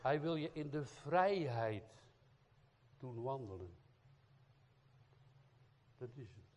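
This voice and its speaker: A man preaches a sermon in a conversational way, often checking in with the congregation through short tag questions. His voice is husky and sits at an ordinary middle pitch. He speaks as an evangelist addressing a church. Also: lively intonation, slow pace. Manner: informal preaching with frequent tag questions and fillers.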